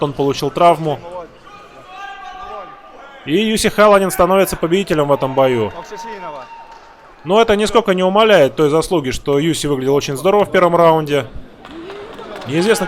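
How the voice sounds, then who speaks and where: A man giving live sports commentary on a fight as its commentator. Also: fairly high pitch. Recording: loud crowd, music behind voice. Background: crowd and music.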